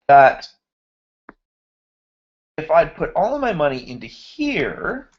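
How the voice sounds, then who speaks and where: Teaching finance over a video hangout, a man with a voice on the high side works slowly through a spreadsheet example on screen share, thinking aloud as he formats cells. His voice is going and he clears his throat. The recording, from his computer mic, is muffled.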